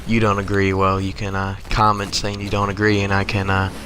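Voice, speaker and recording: This young adult American gaming creator rambles through comic stories over gameplay, swearing and sounding exasperated but conversational. The voice is lowish, pushed and bright, with a completely flat delivery at a slightly quick pace. Background noise is noticeable throughout.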